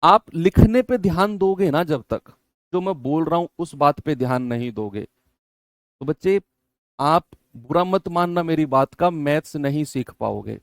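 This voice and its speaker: Male maths teacher, smooth resonant voice, fairly high pitch, repeats steps, dry close mic. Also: lively intonation, unhurried, dry recording. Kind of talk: online exam-prep maths lesson.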